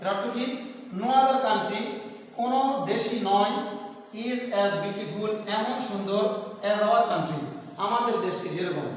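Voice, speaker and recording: A teacher giving a grammar lesson, explaining step by step and asking questions, then answering them himself. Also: male voice, high voice, slow, slight background noise. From Bangladesh. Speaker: assistant teacher. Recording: echoey room, voice far from the mic.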